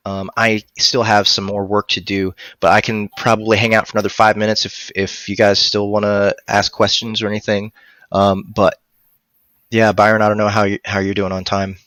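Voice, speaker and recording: A man in his thirties, a guest audiobook narrator and voice actor, chats casually on a live stream over a video call from a room at home, using a headset mic. His fairly low, fairly bright voice is delivered flatly at normal speed in a dry recording.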